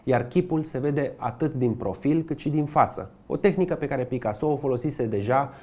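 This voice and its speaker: A man giving scripted documentary narration with a measured, even delivery. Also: mid-range voice.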